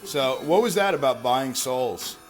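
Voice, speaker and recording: A man's voice: medium pitch, lively intonation, unhurried, music in the background. Joking man with a New York accent. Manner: joking, laughs often. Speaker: pinball channel host. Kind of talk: casual chat.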